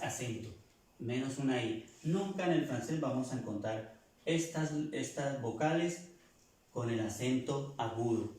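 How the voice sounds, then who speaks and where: A man teaching a language lesson, repeating words slowly to drill their pronunciation. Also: medium pitch, darkish tone, recorded from a distance. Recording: echoey room, voice from off-mic.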